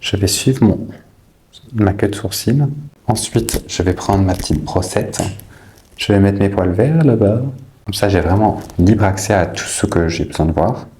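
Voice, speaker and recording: A man's voice: lowish voice, a little slow, dark tone, slight background noise. A man chatting through a makeup tutorial, teasing his viewers with playful asides.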